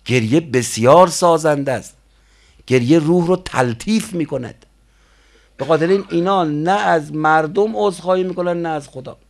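A man preaching a sermon, telling stories in colloquial speech and slowly chanting prayer lines. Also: on the high side.

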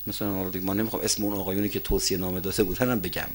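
A man giving a sermon, rising to loud emphatic peaks and dropping to quiet asides, reciting verse slowly. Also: little pitch movement. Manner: emphatic, rises to loud peaks then drops to low asides. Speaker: cleric preacher.

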